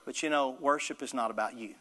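A man's voice: medium pitch, quick pace, pushed and bright, in a large hall. A male pastor delivering an emphatic sermon with call-and-response to the congregation.

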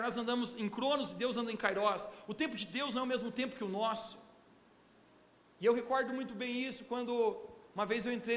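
A young male pastor preaching a sermon, asking the congregation to repeat after him and breaking into shouts. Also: extremely high pitch. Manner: preaching with call-and-response, bursts of shouting. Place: church hall. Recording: echoey hall.

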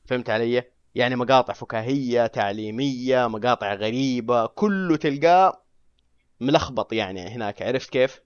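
A man's voice: mid-range voice, normal speed, clear, resonant tone, no echo. A man co-hosting a podcast in casual chat, often checking that his listener follows him. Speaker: podcast co-host. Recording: dry, dull lo-fi sound.

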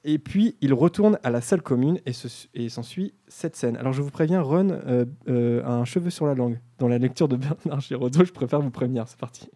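A man's voice: mid-range voice, a little fast, few pauses, warm tone. A man hosting a casual group discussion, talking with frequent hesitations and fillers. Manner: hesitant, many fillers, friendly. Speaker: discussion host.

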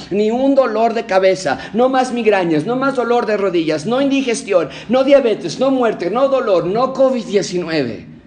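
A man preaching a sermon with a fairly high voice. He stacks short, rhythmic phrases into rising declarations, then drops to a hushed, intimate low. He sounds like a pastor addressing his congregation. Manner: emphatic preaching, swings between raised declarations and hushed low passages.

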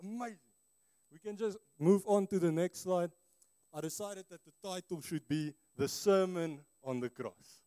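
A man's voice: sits high, normal speed, mellow, clean tone. A man with a broad South African Afrikaans accent preaches informally to a church congregation in an earnest, conversational way, as a native Afrikaans speaker.

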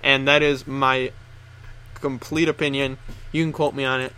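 A man's voice: medium pitch, flat delivery, moderate pace, sharp tone, clean tone. A man co-hosting a podcast, chatting casually with jokey, rambling opinions. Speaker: podcast co-host. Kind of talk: casual chat.

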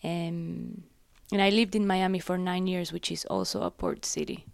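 A woman in her thirties with a slightly low, gravelly voice. She answers interview questions as a curator, thinking things through in a conversational way. The recording is close and dry. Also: very animated, normal speed, no echo. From Ecuador. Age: 30s. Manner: reflective, conversational. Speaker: curator and gallery director.

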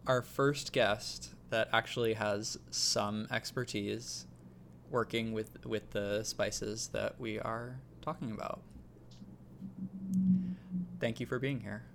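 A man hosting a casual podcast and explaining things in a relaxed way, with frequent ums. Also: on the low side, takes it slowly, vocal fry, slight background noise. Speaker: podcast host. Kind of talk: casual chat.

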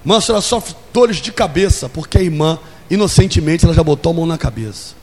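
A man's voice: on the high side, expressive, fast talker, darkish tone. A man in his forties preaching a sermon in a church, leading call and response and acting out little scenes. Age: 40s. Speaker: pastor. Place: church hall. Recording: long hall reverb.

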